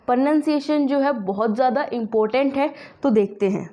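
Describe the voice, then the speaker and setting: A woman's voice: high-pitched, fairly quick, warm tone. A woman teaching a spoken English lesson, asking the class questions and answering them herself.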